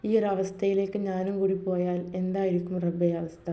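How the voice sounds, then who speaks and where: A woman voicing a gentle young wife who speaks softly and pleadingly, in a dull lo-fi recording. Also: on the low side, flat delivery, fairly quick, close to an everyday voice. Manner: soft, pleading.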